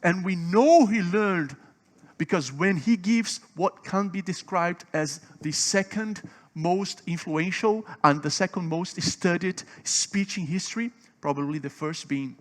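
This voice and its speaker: At a conference seminar, a man whose first language is Portuguese preaches emphatically in a high voice. His volume swells on key points, and he poses questions to the audience as he teaches.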